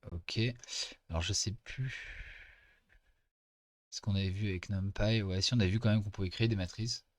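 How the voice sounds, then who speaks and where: A man, working as a teaching assistant, walking through code in a casual screen-recorded lesson, chatty and full of pauses as he explains. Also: on the low side, fairly even intonation, no room sound, studio quality.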